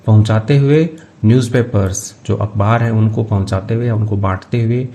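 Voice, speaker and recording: A man teaching English, reading each phrase of a story slowly and then explaining it. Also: lowish voice, steady tone, warm tone. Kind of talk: line-by-line translation lesson.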